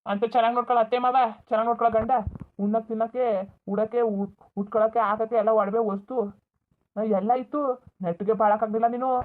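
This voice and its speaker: A voice actor playing an angry young man who scolds his family in a village cartoon, shouting and bitter. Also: mid-range voice, level tone, fairly quick, lightly acted. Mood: furious scolding. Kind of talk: Kannada village cartoon dub. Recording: tinny phone-like audio.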